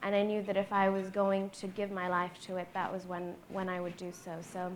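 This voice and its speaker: A young woman who grew up in Pakistan, speaking as a guest in an onstage panel discussion, earnest and measured with frequent fillers. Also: medium pitch, completely flat delivery, a little hiss or hum.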